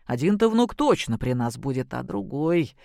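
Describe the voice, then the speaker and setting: Reader playing a gruff older village dad, hearty and blunt, lower voice, dry close sound. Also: sing-song, moderate pace, darkish tone, no room sound. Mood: gloomy. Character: gruff good-natured older village father.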